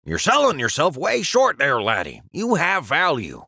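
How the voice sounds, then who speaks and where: A gravelly, bright-voiced mentor pen from a cartoon. He swoops widely in pitch as he coaxes and teases, calling everyone lad. The sound is close and dry. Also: huge pitch swings, moderate pace, no echo, exaggerated voice. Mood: coaxing. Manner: jokey, calls others lad and laddie. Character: older male pen, calm, teasing office mentor. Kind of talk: animated cartoon voice acting.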